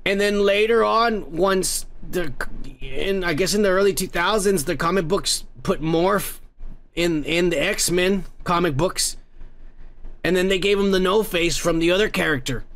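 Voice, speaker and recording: An American man with a high, slightly bright voice speaks at a measured pace. He's hosting a podcast in a dim room at home, offering casual, profane commentary on viewer comments full of fillers.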